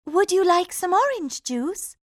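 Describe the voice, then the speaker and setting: A trusting young princess put on by a woman reading a storybook speaks in a very high, eager voice. Her lines rise and fall in bright, lilting swoops. The recording is dry and close. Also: sing-song, unhurried, dry recording, heavily acted. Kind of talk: storybook read-aloud.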